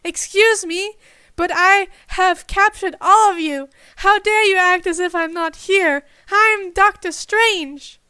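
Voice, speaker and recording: A woman's voice: very high voice, steady tone, measured pace, a bit bright, no room sound. Brief: self-important male kidnapper doctor, read by a woman, huffy, dry close sound. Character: pompous male villain doctor, indignant.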